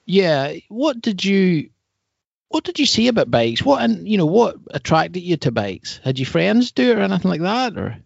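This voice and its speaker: A podcast host introduces and questions his guest in a casual, chummy chat, throwing around slangy forms of address. His high-sitting voice is very animated, gravelly and husky, at a normal speed. The recording is muffled with no room sound.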